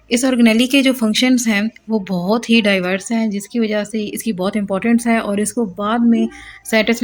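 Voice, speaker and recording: A woman's voice: mid-range voice, slight background noise. A woman teaching biology at a whiteboard in a lecture style, explaining step by step, posing questions and answering them herself, and mixing English terms into her speech. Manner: mixes English terms into Hindi.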